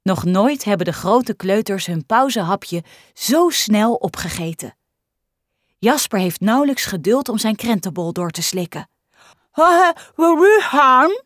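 Slow, expressive woman reading a storybook. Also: mid-range voice, no echo, studio quality. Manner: clear, expressive. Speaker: narrator.

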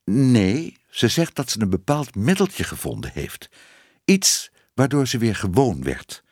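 A man's voice: mid-range voice, big pitch swings, measured pace, a little mellow, no echo, studio quality. A man voicing a stern, disapproving old female cat who scolds and bosses her niece. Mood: bossy.

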